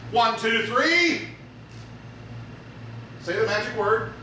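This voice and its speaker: A man's voice: sits high, expressive, moderate pace, bright, forceful tone. A man working as a stage magician, giving jokey live show patter as he teases a volunteer and plays to the audience. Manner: jokey showman teasing a volunteer, announcing to the crowd. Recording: echoey theater from far off, noisy.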